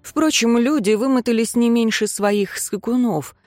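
A woman reading a fantasy novel aloud as audiobook narrator, measured and steady. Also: a little high, no echo, studio quality. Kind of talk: scripted narration.

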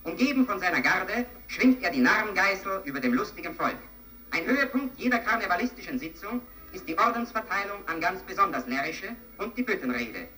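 A man's voice: sits high, sing-song, a little fast, sharp tone. A man announcing in an old newsreel, with a clipped, dashing commentary delivery. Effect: old newsreel soundtrack. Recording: distant old newsreel sound with faint music.

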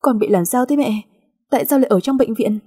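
A woman voicing a young mother frantic with grief, pleading in a shrill, tearful voice. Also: a little fast, mellow, husky.

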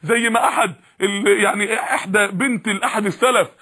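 A man's voice: high voice, fairly quick, bright, forceful tone, slightly rough. A man with an Egyptian accent preaching a sermon, fiery and full of repeated rhetorical questions.

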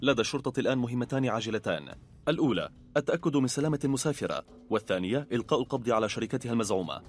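A man giving scripted narration for a documentary in an even, informative way. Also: mid-range voice. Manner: fast, even, informative delivery. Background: faint music.

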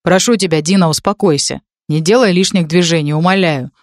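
A calm, serious young man speaking in a low, measured way, trying to keep control, as a woman reads his lines. The recording is close and dry. He sounds steady and firm rather than loud. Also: dry recording, natural voice. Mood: pleading. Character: calm, stern young male student. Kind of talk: audiobook character reading.

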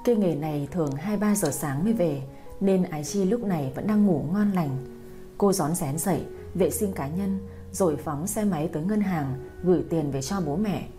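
Female audiobook narrator, calm and even, warm mellow tone, faint music underneath. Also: fairly low pitch, normal speed. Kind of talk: scripted story narration.

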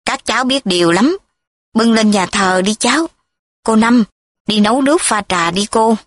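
A woman reading the lines of a loud, hearty elderly village uncle in a recorded story. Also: on the high side, lively intonation, normal speed, no echo. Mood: approving. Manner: loud, exclaiming.

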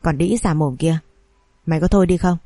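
A woman voicing a drunken, abusive older husband who snarls curses and rapid threats. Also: fairly low pitch, warm tone, dry recording. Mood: spiteful.

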